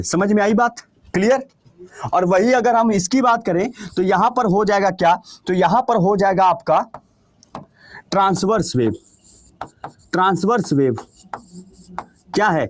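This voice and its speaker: High-voiced Bihari teacher quizzing a class. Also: male voice, slight background noise. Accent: Bihari Hindi. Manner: repeats questions and answers them himself. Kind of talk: classroom lecture.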